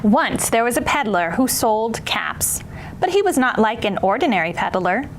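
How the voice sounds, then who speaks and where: A woman with a fairly high, very animated voice presents and reads stories to children. She is playful and theatrical, like a kids' entertainer speaking straight to her audience. There is faint noise behind her. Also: normal speed. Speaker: children's storytime host. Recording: clear background noise.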